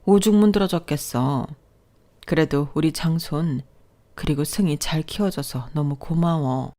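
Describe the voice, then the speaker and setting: A woman reading the part of a frail, gentle elderly mother-in-law who speaks tenderly and apologetically. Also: low voice, a little slow.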